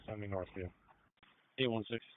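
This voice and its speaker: Low-voiced man over police radio. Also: moderate pace, no echo. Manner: terse, code-laden callouts. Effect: police radio transmission. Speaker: police officer on patrol. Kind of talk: clipped scanner radio traffic. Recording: tinny narrow radio band.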